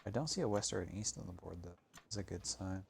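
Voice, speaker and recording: A man's voice: low-pitched, quick pace, gravelly, a little hiss or hum. A man streaming a game, thinking aloud and grumbling with frequent swearing. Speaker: gaming streamer. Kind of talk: casual gameplay commentary.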